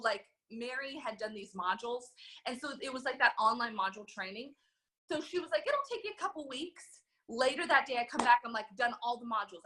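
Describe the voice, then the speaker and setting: Bright, animated woman telling her story. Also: a little high. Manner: animated, acts out quoted voices. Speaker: podcast guest. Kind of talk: conversational storytelling.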